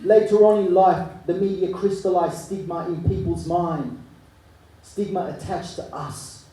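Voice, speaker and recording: A man, performing spoken word poetry live with a rhythmic, rhyming delivery that swings between hushed and forceful. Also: high voice, steady tone, a little slow. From Chile. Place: live arts venue. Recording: echoey room, mic from far off.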